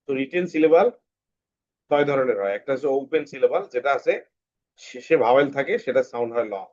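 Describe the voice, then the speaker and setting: A man's voice: mid-range voice, animated, brisk, highs cut off. A man teaching English to a class, patiently repeating points and calling on students by name.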